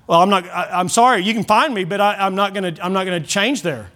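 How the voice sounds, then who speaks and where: A pastor with a notably high voice delivers a Sunday sermon in a church. He speaks earnestly and directly, and he often trips over a word and restarts it before pressing on. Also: fast talker, pushed and bright. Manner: earnest preaching with repeated restarts.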